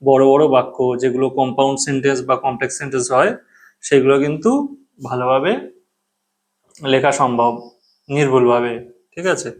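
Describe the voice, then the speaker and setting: A man who speaks Bengali as his first language, teaching English grammar, patiently explaining in Bengali with English terms and often checking that students follow. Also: medium pitch. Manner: patient, repeats key terms, checks in with "thik ache?".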